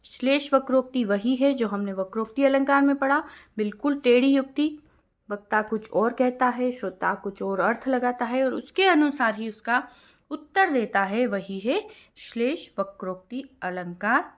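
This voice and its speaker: A young woman teaching a Hindi grammar lesson in a clear, explanatory way, slowing down to recite verse examples. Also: a little high.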